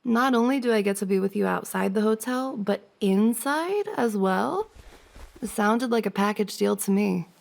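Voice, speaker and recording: In a giggly, casual ASMR roleplay, a woman voices a best friend's older sister who playfully teases the listener. Her creaky mid-range voice moves at normal speed with lively intonation, and soft laughs keep popping up in the banter.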